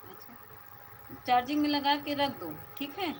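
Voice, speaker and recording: A woman's voice: sits high, lively intonation, normal speed, background noise. A woman in her thirties hosting a casual live stream, chatting with viewers and thanking them by name.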